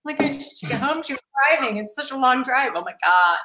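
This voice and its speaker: A woman co-hosting a casual group chat on a stream, loud, teasing and swearing a lot. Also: high-pitched, animated, fairly quick, roomy sound, noisy background. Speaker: co-host.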